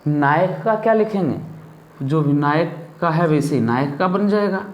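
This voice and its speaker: A man's voice: a little high, animated, normal speed, roomy sound. A male teacher from India giving a classroom lesson, asking his pupils questions and then answering them himself. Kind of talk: classroom lesson on Hindi grammar.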